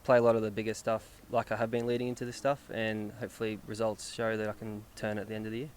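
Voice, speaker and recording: Young Australian sportsman, flat and quick. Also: on the low side, a little hiss or hum. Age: young adult. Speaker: amateur golfer being interviewed. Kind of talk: post-round sports interview.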